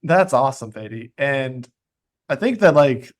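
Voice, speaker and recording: A man of middle pitch hosting a podcast interview. He talks in a casual, upbeat way, full of "like" and "um". His voice sits in an ordinary register. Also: lively intonation, unhurried. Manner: casual, upbeat, many "like" and "um" fillers. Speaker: podcast host.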